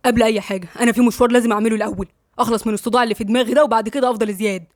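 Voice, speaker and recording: A woman's voice: fairly high pitch, fairly even intonation, racing, dry recording, clean studio sound, close to an everyday voice. A woman with an Egyptian accent voicing a proud, angry young man, in a tense, clipped way.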